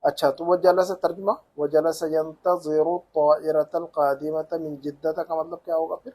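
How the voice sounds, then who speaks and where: A man's voice: fairly high pitch, little pitch movement, warm tone. Patient man teaching Arabic reading. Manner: patient, slow drilling of pronunciation and grammar. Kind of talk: language lesson.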